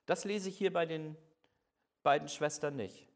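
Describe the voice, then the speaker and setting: A man's voice: a little high, measured pace. A middle-aged man preaching a sermon in a conversational way, asking the listener direct questions and acting out the voices of imagined people.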